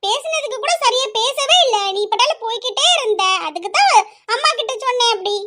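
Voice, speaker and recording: A cheeky teenage girl, as a woman voices her, bickering with her sister and teasing with playful threats. The voice is squeaky-high and piercingly bright. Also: lively intonation, fairly quick, heavily acted. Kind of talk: amateur audio drama acting.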